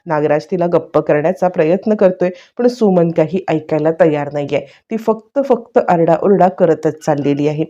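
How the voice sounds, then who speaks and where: A woman's voice: low-pitched, moderate pace, few pauses, mellow. A woman casually retelling a TV serial episode in a chatty storytelling way. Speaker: narrator. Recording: dull lo-fi recording.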